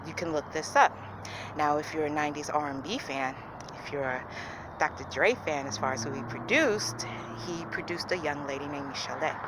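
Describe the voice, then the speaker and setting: A woman vlogger talking casually to her viewers in a morning voice, earnest and confiding, often dropping soft and quiet. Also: low-pitched, noisy background. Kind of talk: casual talk to camera.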